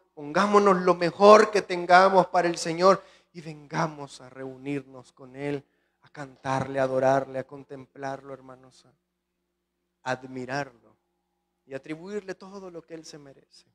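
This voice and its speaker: A man with a Salvadoran accent preaching a sermon with impassioned delivery, often calling out to the congregation. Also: a little high. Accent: Salvadoran Spanish. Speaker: guest pastor.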